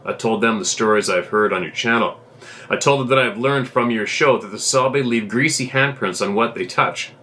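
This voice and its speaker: A man hosting a show, reading a viewer's letter aloud as a steady, plain story with small restarts. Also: medium pitch, moderate pace, a little hiss or hum.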